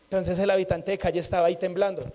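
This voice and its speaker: High-voiced man preaching warmly. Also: little pitch movement, very fast, slight background noise. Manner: conversational preaching with repetition and jokes to the congregation. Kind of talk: sermon.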